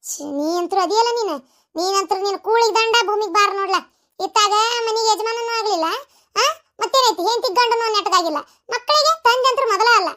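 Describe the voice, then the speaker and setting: Woman as a squeaky, bright-voiced nagging wife, North Karnataka Kannada accent, cartoon comedy, rattles on fast. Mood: scolding. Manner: nagging, scolding rapid-fire.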